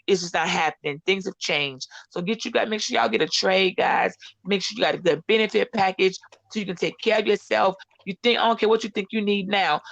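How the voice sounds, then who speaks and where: An American woman in middle age speaks her opinions casually but emphatically, with a sarcastic, scolding edge. Her voice has a lot of fry, and the sound is dry and slightly muffled, like lo-fi online audio. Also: medium pitch, fairly bright tone, dry recording. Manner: sarcastic, scolding, emphatic, mimics opponents in argument. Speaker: online panel participant.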